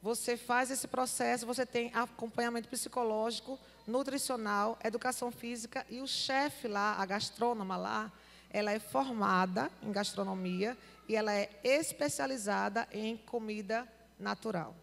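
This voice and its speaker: A woman's voice: on the high side, steady tone, normal speed, gravelly. A woman with a Northeastern Brazilian accent, giving a testimony in church and acting out the dialogue of her story. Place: church hall. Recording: reverberant church hall.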